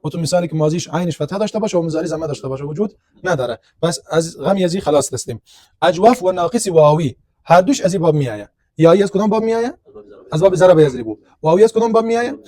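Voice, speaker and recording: A male teacher gives a grammar lecture, taking each point step by step and often posing questions he then answers himself. His voice is a little high and warm with lively intonation, recorded close and dry with no room sound.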